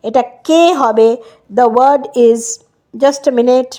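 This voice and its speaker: A woman's voice: high-pitched, fairly even intonation, extremely slow, dark tone. A woman with a Bengali accent teaching an English lesson, patiently spelling words out letter by letter and checking that her viewers follow. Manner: explains patiently, spells words letter by letter, often adds "right?". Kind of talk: casual spoken lesson.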